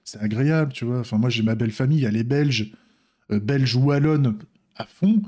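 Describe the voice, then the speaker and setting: A man's voice: medium pitch, normal speed, warm tone. A man from France chatting casually on a devlog, rambling, with frequent restarts and fillers. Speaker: indie game developer.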